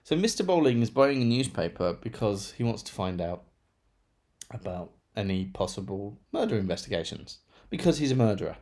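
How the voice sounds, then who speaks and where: A man's voice: lowish voice, sing-song, brisk, darkish tone. A man chatting casually through a monthly book review, rambling with self-deprecating asides. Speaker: book vlogger.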